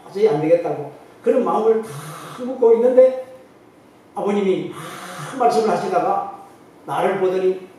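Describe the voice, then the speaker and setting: A middle-aged man preaches a testimony sermon in a church, acting out the voices of the people in his story. His voice sits high and mellow. It is heard from a distance, with heavy hall echo and a faint hiss behind it. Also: normal speed. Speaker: pastor. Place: church sanctuary. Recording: very echoey hall, distant mic, faint noise.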